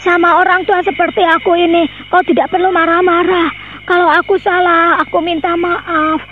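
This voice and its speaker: Feisty old grandmother, very high voice. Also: little pitch movement, normal speed, slight background noise. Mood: placating. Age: older. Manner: coaxing then sharply indignant. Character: feisty old village grandmother, spry fighter. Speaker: grandmother figure. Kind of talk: radio drama acting. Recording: dull lo-fi radio audio with faint music.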